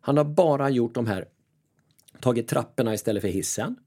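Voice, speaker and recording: A man who works as a mental coach, giving casual advice in a lively, self-mocking way and acting out his own inner voices. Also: mid-range voice.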